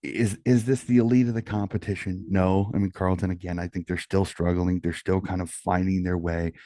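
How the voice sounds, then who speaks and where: Speaking low so nobody asleep is disturbed, this deep-voiced, middle-aged man hosts a sports podcast round-up with a brisk, flat delivery, hushed below even late-night radio levels. The sound is dry and studio-clean, captured in a small home room through a close studio mic fitted with a pop filter.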